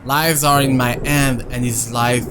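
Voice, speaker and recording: A man's voice: mid-range voice, steady tone, measured pace, noisy background. A man streaming a visual novel, who reads the narration aloud and chats with viewers in between. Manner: reads narration, breaks off to answer chat. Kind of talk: reading a visual novel aloud with casual chat.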